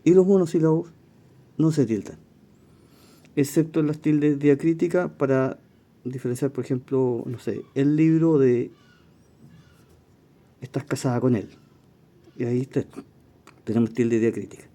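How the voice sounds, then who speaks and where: A man's voice: medium pitch, measured pace, pauses often, dark tone. A man walking colleagues through exam questions, explaining as he goes and correcting himself aloud. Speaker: language teacher. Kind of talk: exam walkthrough lesson.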